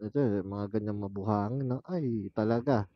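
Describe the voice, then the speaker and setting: A motorcycle vlogger talks casually and reflects aloud while riding outdoors on mountain roads. His voice is on the low side at normal speed, recorded through a helmet intercom headset as an external mic, which sounds muffled and has no room sound.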